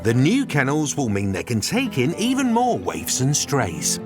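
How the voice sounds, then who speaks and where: Very animated, cheeky British male narrator. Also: mid-range voice, unhurried. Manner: playful, teasing asides. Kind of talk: cheeky scripted documentary narration. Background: music.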